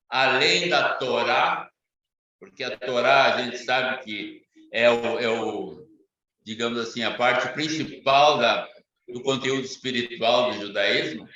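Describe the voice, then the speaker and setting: Slow Brazilian man, very echoey. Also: mid-range voice, bright, forceful tone. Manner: hesitant, many restarts, grateful. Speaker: study group participant. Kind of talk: casual online group discussion. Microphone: video call. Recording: dull, very echoey video call audio.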